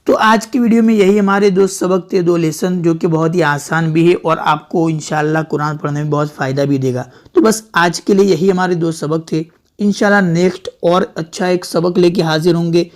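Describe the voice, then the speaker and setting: A man's voice: fairly high pitch, fairly even intonation, moderate pace. A man teaching Quran reading step by step, patiently repeating words and sounding out each syllable. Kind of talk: step-by-step recitation lesson.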